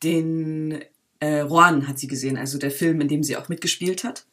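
Lively young woman, laughing guest. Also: deep voice, moderate pace. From Berlin, Germany. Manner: lively, laughs often, many fillers. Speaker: guest, filmmaker. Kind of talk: casual interview conversation.

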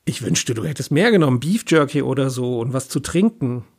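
A man's voice: mid-range voice, lively intonation, brisk, a little mellow, breathy edge. A man voicing an earnest, plain-spoken male friend in a spoken story.

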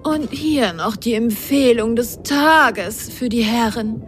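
A woman's voice: a little high, slow, soft background music, voice pushed up. A woman voicing a polite, formal giant male octopus who serves as a waiter in a storybook. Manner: courteous, formal service tone.

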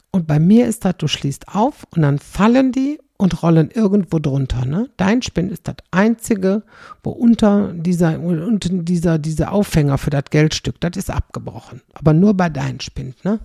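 A middle-aged comedian delivers a chatty, rambling stand-up monologue, constantly tagging his sentences with "ne?". His mid-range voice is dark, with vocal fry and a breathy edge. The recording is dry and studio quality.

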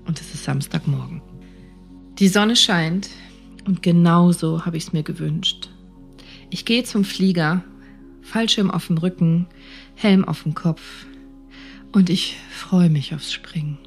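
A woman's voice: fairly low pitch, slow pace, gravelly, pauses often, soft background music. A woman doctor vividly telling a personal story, acting out the dialogue. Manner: vivid, animated retelling with acted dialogue.

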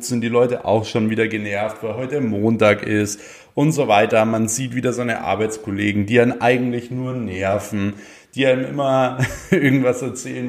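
A man's voice: medium pitch, darkish tone. A young man talking casually and motivationally to his viewers, with many fillers and rising emphasis on his key points. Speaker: motivational speaker.

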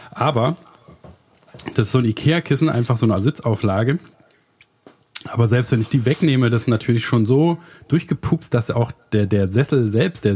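A man's voice: mid-range voice, warm tone, breathy edge. A man co-hosting a casual comedy chat, grumbling and ranting in mock outrage. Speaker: podcast co-host.

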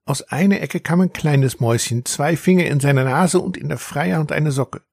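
A man reading a children's story aloud in an expressive storytelling manner. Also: on the high side, normal speed, gravelly, dry recording, studio quality. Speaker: narrator.

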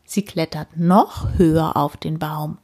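A woman reading a children's story aloud, slow and expressive with deliberate repetition. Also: low voice.

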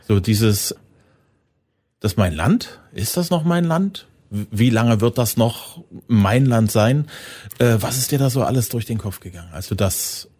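A man interviewing a guest, asking thoughtful, measured questions. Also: mid-range voice, lively intonation, darkish tone, husky. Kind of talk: conversational interview.

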